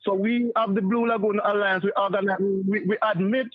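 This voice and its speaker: Jamaican man on the phone, high voice, slow with restarts, tinny line. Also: flat delivery. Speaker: caller.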